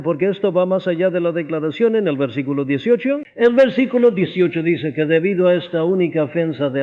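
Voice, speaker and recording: A man reading a sermon aloud in an earnest, explanatory way, stressing key words. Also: sits high. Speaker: audiobook reader of a sermon. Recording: tinny phone-like audio.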